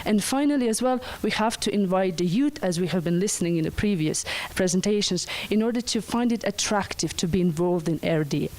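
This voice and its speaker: Young woman giving a conference talk, friendly, mid pitch, laughs a little here and there. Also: lively intonation, a little fast, hardly any pauses, a little mellow, low-quality recording. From Croatia. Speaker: conference presenter. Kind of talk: conference presentation.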